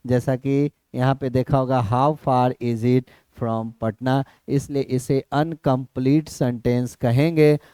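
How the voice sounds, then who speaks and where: A man's voice: mid-range voice, fairly even intonation, slow pace, hardly any pauses, dark tone, smooth, dry recording, clean studio sound. A male exam-prep teacher with a Bihari Hindi accent explains a lesson to students, repeating points and checking whether they understood.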